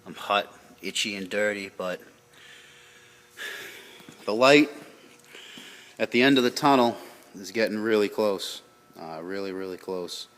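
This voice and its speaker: A tired man gives a casual, off-the-cuff update as a car vlogger. His delivery is low-key and halting, as he talks to his viewers. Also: fairly bright tone, slight background noise. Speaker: car vlog host.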